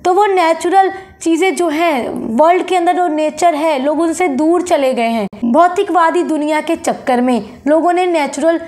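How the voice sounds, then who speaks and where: Woman teacher with a high voice, explains everything slowly, repeats each term, reads notes aloud. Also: a little mellow. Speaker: literature teacher. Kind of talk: exam-prep lecture.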